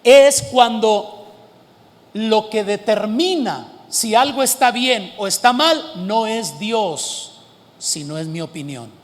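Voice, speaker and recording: A man preaching a sermon as pastor, slowing down to stress words and at times rising to emphatic shouts. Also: high-pitched, lively intonation, long reverb tail.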